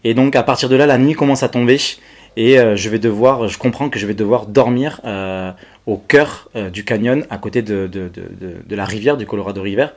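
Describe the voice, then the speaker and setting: Man telling a story, halting and casual. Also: fairly low pitch. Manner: frequent hesitations and stammered repeats; colloquial, peppers phrases with "et tout". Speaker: storyteller recounting a personal ordeal. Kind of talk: casual spoken testimony.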